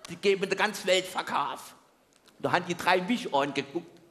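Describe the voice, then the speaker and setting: A Saarland German man with a high voice doing a carnival stage routine. He trips and stammers comically over his opening words. The sound rings with a long hall reverb. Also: fairly quick, fairly bright tone. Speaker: carnival comedian. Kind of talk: stage comedy monologue. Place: large carnival hall with audience.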